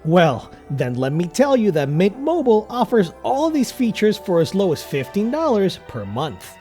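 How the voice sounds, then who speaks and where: A man voicing a mysterious disembodied male voice that speaks out of nowhere and delivers a pushy, teasing sales pitch. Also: wildly swooping pitch, moderate pace, warm tone, soft background music. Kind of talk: scripted ad read.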